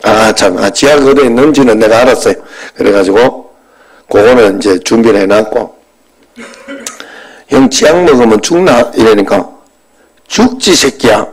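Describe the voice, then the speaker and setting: A pastor in his fifties preaching a sermon and telling a personal story in a conversational way. His voice jumps from loud bursts to quiet asides. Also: lowish voice, moderate pace, low-quality recording.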